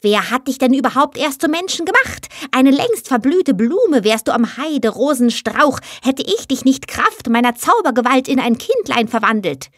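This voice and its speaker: A woman's voice: high-pitched, very animated, a little slow, no echo, clean studio sound, pitched above the performer's own voice, full character voice. A woman voicing a tiny, wrinkled male heath spirit who is proud and spiteful, speaking in grim, commanding pronouncements in a storybook reading.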